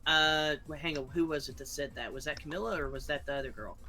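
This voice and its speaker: A man playing a tabletop role-playing game, quick to jump into character. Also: fairly high pitch, sharp tone, soft background music. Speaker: player.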